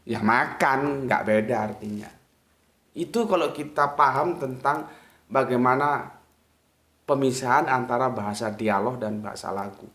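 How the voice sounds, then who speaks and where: A man's voice: medium pitch, moderate pace, long pauses, fairly bright tone. Man teaching in an echoey room. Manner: casual, talks straight to listeners, often checks they follow. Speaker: religious teacher. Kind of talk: informal religious lecture.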